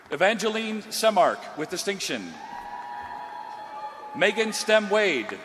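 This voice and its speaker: A man with a high, bright voice calls graduates' names slowly into a podium microphone, his pitch swinging up and down between names. His voice rings through a large hall with a long reverb, and a crowd murmurs underneath. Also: noisy background. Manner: slow, drawn-out announcing of each name. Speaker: commencement name reader. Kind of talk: reading graduates' names at a ceremony.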